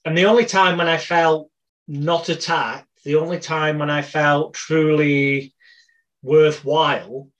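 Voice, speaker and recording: A man's voice: a little high, fairly even intonation, slow, a bit bright, dull audio. A British man in his forties, a podcast guest telling life stories in a rambling, wry, anecdotal way. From Britain. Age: 40s. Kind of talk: casual storytelling interview.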